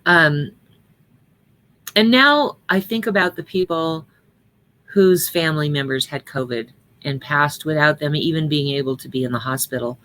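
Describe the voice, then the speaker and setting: Woman, middle-aged, low voice, earnest storyteller, memorial service reading, lightly acted dialogue. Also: moderate pace, a bit bright. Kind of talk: reading a personal story aloud, then reflecting.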